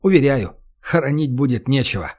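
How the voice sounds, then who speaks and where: A man's voice: medium pitch, animated, fairly quick, a little mellow, natural voice. A man doing a cold, mocking tough guy. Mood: threatening. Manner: cold, taunting, threatening. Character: young man, tough, sarcastic, commanding.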